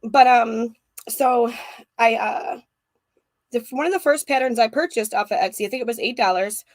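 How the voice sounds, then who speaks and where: A woman in her thirties or forties hosting a casual crochet livestream from her craft room, warmly greeting viewers by name. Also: a little high, moderate pace, dry recording. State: out of breath.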